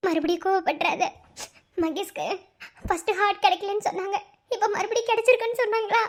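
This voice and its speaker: A very high, squeaky voice of an anxious young pregnant wife, as a woman acts her out in a cartoon. She pleads and soothes in a Madurai Tamil accent. The delivery stays tender and worried. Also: steady tone, quick pace. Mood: tearful. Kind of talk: cartoon voice acting.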